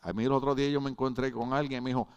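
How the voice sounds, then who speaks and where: A man's voice: mid-range voice, little pitch movement, racing, clear, resonant tone, highs cut off. A man from Puerto Rico preaching a sermon, joking with the congregation, repeating words and often asking if they are following. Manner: jokey, repeats words, often asks "right?".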